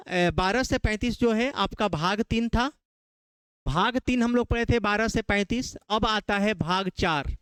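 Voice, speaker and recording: A man's voice: sits high, fairly bright tone, clear, resonant tone, dry recording. A man from Bihar with a Bihari Hindi accent, teaching a classroom lecture, quizzing his students and repeating key terms.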